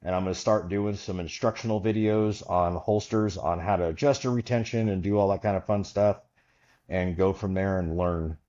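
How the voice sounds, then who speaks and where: In a muffled recording, a man speaks low and at a moderate pace. Sitting in as a podcast guest, he tells a long story with casual animation, acting out what each person said.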